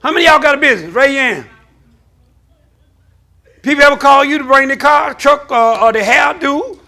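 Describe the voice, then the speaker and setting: A male pastor preaching a sermon to his congregation, calling for responses and climbing into shouts. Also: very high voice, brisk. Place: church sanctuary.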